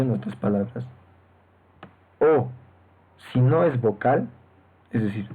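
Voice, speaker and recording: Man teaching code over a tinny mic. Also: mid-range voice. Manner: explains step by step with frequent tag questions. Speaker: programming teacher. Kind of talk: screen-recorded lecture.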